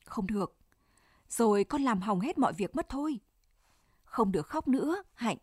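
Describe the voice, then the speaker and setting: A woman's voice: fairly high pitch, animated, moderate pace, a little mellow, husky, dry recording, clean studio sound. A woman voicing an anguished middle-aged mother who speaks in a pleading, tightly restrained way. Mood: hushed scolding.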